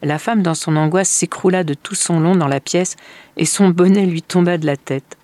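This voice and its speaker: A woman storyteller reading a fairy tale aloud in a hushed, often whispered narration. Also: on the low side, steady tone, normal speed, no echo.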